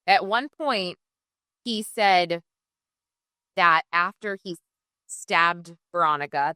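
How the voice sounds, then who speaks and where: Female guest reporter, earnest storyteller with frequent restarts, bright and crisp, lowish pitch for a woman. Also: dry recording. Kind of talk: live podcast storytelling. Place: pizzeria before live audience.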